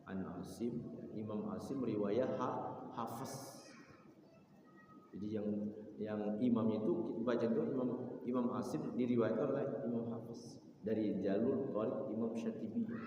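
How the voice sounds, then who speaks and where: A man leads a casual tajwid lesson in a large mosque, mixing plain explanations, slow chanted verses and frequent chuckles. His voice is soft and dark in tone. The sound is caught from a distance, with a long hall reverb and a faint hum behind it. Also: mid-range voice. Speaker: Quran recitation teacher. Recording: echoey mosque hall from afar.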